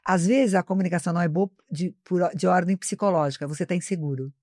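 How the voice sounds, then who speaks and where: A woman's voice: fairly low pitch, quick pace, darkish tone, no echo. Woman explaining communication tips, dry sound. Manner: didactic, explanatory, addresses host by name. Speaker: marketing professor, guest. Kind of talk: live interview talk. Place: studio, live broadcast.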